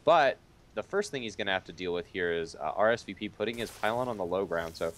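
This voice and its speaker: Deep-voiced male game analyst. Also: fast talker. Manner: relaxed, explanatory, casual. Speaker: esports co-caster.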